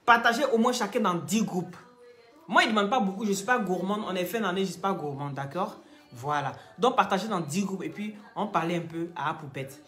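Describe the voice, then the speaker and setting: A woman hosting a live stream, teasing and scolding commenters in a chatty way and pitching products to viewers. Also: a little fast, fairly bright tone, soft background music. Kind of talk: casual live-stream chat and sales pitch.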